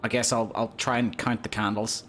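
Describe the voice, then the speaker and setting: A man in his twenties hangs out with his live stream viewers, rambling, poking fun at himself, and laughing often. His voice is fairly low and fairly bright, with level intonation at normal speed, over soft background music.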